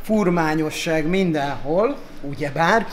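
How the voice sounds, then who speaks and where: A man's voice: a little high, background noise. Teasing male backstage interviewer. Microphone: handheld mic.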